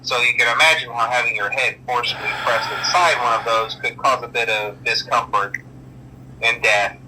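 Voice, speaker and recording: A chatty night-shift trainer whose voice comes through as a recorded phone message in a horror game. He rambles offhandedly with lots of uh and um. The tone is very bright and forceful. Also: medium pitch, fairly even intonation, moderate pace, a little hiss or hum, poor audio. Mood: offhand.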